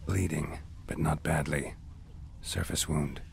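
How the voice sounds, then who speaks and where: A man's voice: fairly even intonation, slight background noise, exaggerated voice. An actor playing a stoic, middle-aged male monster hunter in a video game, speaking tersely and dryly. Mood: focused. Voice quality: deep gravelly. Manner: terse, dry, unhurried. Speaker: witcher protagonist.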